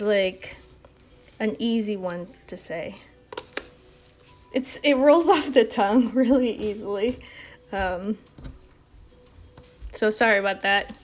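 A woman with a slightly high voice gives a relaxed painting demonstration, chatting in an encouraging, think-aloud way. She talks at an unhurried, slow pace, and soft music plays faintly behind her. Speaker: art instructor. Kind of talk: casual live painting demonstration.

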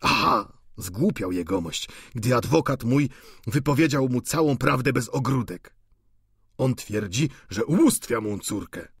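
A man reading an audiobook, voicing an aging, doting father who talks in a husky, pleading way. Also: animated, dry recording, clean studio sound, exaggerated voice. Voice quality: husky, slow and low.

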